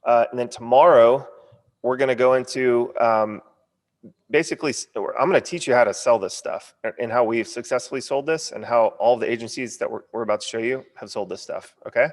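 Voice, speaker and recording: American male webinar coach, mid-pitched, punchy and chatty, slightly fumbling numb-lip diction, hall-like reverb. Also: fairly quick. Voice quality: stumbling, numb-lipped speech from a partly numb lip. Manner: informal, punchy, frequent check-in tags. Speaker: online course coach. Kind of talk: casual sales training webinar.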